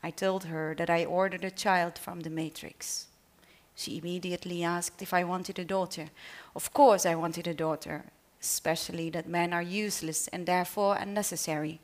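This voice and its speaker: At a literary event, a woman from the Netherlands with a Dutch accent joins a panel before reading one of her own short stories in English, a little hesitantly. She speaks on the low side, in a steady tone and at normal speed.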